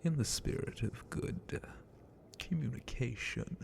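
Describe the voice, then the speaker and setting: Taunting in a breathy, creaky whisper, a man voices a bored, menacing ancient dragon captain for an ASMR roleplay, his manner deliberate and condescending. The pitch is medium, and a little hiss or hum can be heard.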